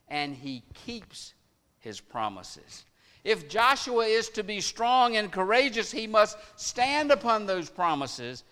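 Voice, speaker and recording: A male pastor preaching a sermon slowly and deliberately, letting his voice sink soft at the ends of phrases. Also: high-pitched, in a large hall. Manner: slow, deliberate preaching with dramatic drops in volume.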